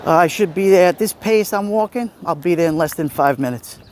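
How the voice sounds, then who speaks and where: Male walking-livestream host, Brooklyn Italian-American accent, slightly high voice, casual chat over outdoor street noise. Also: brisk, a little mellow. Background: street ambience, passing vehicles.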